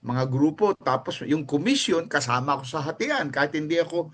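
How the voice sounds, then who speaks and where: A man with a Filipino accent delivers a sermon in a lively, anecdotal manner. His voice sits high for a man, and he mixes English phrases into his preaching. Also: a little fast. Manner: animated storytelling, mixing in English phrases, chuckling at his own anecdotes. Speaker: pastor.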